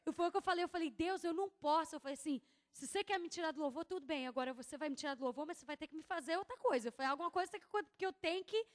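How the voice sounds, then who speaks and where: A woman pastor giving an animated testimony sermon in church, acting out her own conversations as she tells the story. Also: high-pitched, racing. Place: church hall. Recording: long hall reverb.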